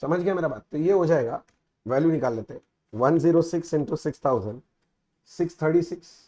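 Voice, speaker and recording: Male accounts teacher with a high-pitched voice. Casual lecture delivery, mixes Hindi and English, keeps checking in with the class. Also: animated, brisk, mellow. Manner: mixes Hindi and English, asks students frequent check-in questions. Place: recorded teaching video.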